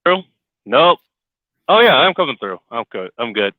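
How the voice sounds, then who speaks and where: A middle-aged man rants sarcastically in a casual podcast chat, swearing nonstop and getting loud and worked up. His mid-range voice swings widely in pitch at a normal speed, and his headset makes him sound like a tinny CB radio. The line is dry, thin and lo-fi.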